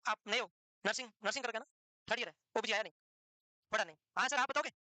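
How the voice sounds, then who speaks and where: A man with an unusually high, bright voice talks quickly while lecturing a live nursing class, teasing his students and firing rapid questions at them. The audio is close and dry, with little room echo.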